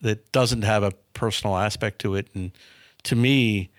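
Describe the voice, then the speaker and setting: This man, in his fifties and running his own business, comes from a small town near Milwaukee, US, and has a voice on the low side at normal speed. He speaks frankly in casual interview talk, frequently repeating words as sentences begin. It's a dry, clean studio recording.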